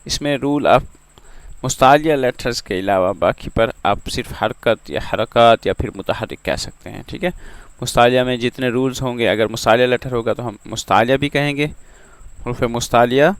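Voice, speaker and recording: A man with an Urdu accent teaching Quran pronunciation, drawing out syllables slowly and checking in with "theek hai" between them. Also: mid-range voice, clear, resonant tone, dry recording. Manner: drawn-out syllable demonstrations, repeats "ठीक है" often. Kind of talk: slow, patient tajweed lesson.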